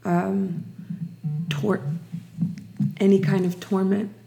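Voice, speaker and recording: A woman's voice: medium pitch, little pitch movement, gravelly, warm tone, soft background music. A young woman from Ukraine sharing her personal faith testimony in an interview, reflective and full of restarts. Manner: slow, reflective, many restarts.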